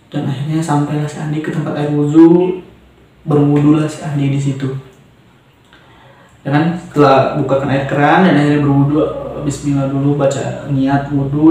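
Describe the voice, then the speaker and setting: A man with a slightly high voice tells a horror story in a relaxed, chatty way, often checking in with his listeners. His voice sounds far from the mic, in a very echoey room with a faint hiss behind it. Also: moderate pace. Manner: chatty, keeps asking "ya kan?" and addressing "guys".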